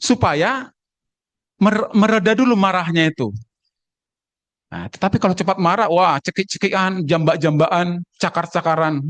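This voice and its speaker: A man preaching to his congregation, telling jokes and acting out voices as he goes. He speaks on the higher side for a man. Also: moderate pace, pauses often, a bit bright, no room sound. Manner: humorous, acts out voices and dialects. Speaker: pastor. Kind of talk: sermon with jokes.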